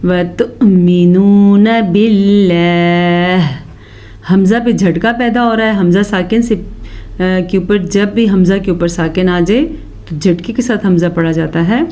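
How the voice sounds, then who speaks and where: A woman teaching Quran recitation rules to her students, explaining each rule and then reciting verses in a slow, drawn-out chant. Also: medium pitch, darkish tone, highs cut off. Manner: addresses students directly. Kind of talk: recitation lesson.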